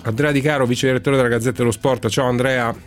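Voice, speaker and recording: A man's voice: mid-range voice, fairly even intonation, quick pace. A man hosting a radio talk show in a conversational way. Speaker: radio host. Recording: faint music behind the voice. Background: faint music.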